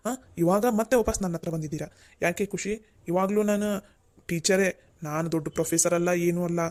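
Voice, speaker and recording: A gentle young husband from a cartoon, a schoolteacher who forgives without fuss, as a voice actor plays him. His tone is dark and mellow and stays level and flat. He speaks in a calm, reassuring way. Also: medium pitch, normal speed, natural voice. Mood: hurt. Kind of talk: Kannada cartoon dubbing.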